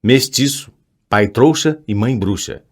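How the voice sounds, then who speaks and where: A man's voice: medium pitch, measured pace, slightly rough, voice pushed up. Man doing a polite, guarded teenage student. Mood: polite, tense. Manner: respectful, tense.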